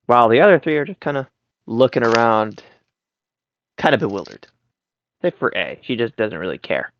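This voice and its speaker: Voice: medium pitch, sing-song, moderate pace, lo-fi sound, a little hiss or hum. A player describing their characters' moves in a tabletop game, rambling and hesitant, fighting yawns.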